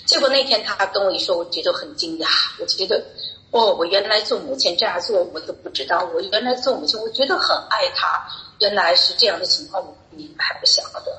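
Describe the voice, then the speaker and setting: Bright-voiced middle-aged woman sharing a faith testimony. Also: medium pitch, lively intonation, fairly quick. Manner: earnest, repetitive storytelling. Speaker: church member giving a testimony. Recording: echoey room.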